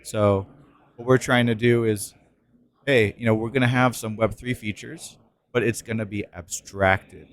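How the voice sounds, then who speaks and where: A man's voice: fairly low pitch, steady tone, measured pace. Rambling man on a casual podcast. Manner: rambling, many fillers and restarts. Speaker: podcast co-host.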